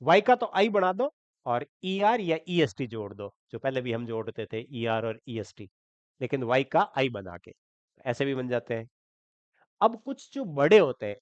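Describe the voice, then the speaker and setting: A man's voice: medium pitch, dry recording, lo-fi sound. A man teaching English grammar, explaining step by step, spelling words out letter by letter and often asking his students if they follow. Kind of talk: Hindi-language grammar lesson.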